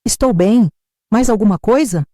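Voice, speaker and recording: A woman's voice: fairly high pitch, normal speed, warm tone, dry recording, clean studio sound, voice pushed up, lightly acted. Woman putting on a curt impatient daughter. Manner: dismissive, brusque.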